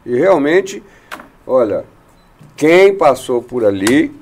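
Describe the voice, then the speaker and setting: A man's voice: mid-range voice, very animated, slow pace, darkish tone. A Brazilian man hosting a talk show, talkative and opinionated, firing rhetorical questions at his guests. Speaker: radio show host. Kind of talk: casual chat.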